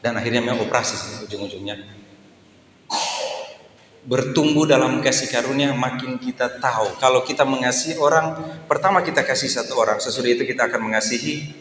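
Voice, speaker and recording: A man in his fifties preaching a lively sermon to a congregation in a church hall. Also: mid-range voice, a little fast, pauses often, a little hiss or hum. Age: 50s. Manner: lively preaching, acts out voices in asides. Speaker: pastor. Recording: echoey hall with faint ambience.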